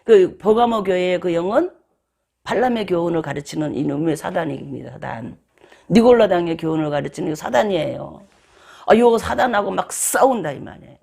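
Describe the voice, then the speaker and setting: A preacher delivers a sermon with a rough, gravelly edge to the voice. The talk runs like storytelling, and the preacher slips into short acted voices for quoted lines. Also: mid-range voice, expressive, moderate pace, a little mellow.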